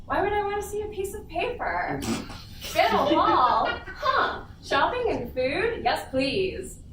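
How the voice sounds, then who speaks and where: In a convention panel room with a small audience, a writer on the panel playfully reads her funny story in a casual, amused way. Her very high voice is very animated, slow and fairly bright, captured noisily by a distant mic in an echoey space.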